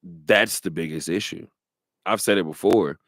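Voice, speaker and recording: Animated lower-voiced sports talk host. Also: male voice, normal speed, dry recording, clean studio sound. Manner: animated, laughing often, repeats points.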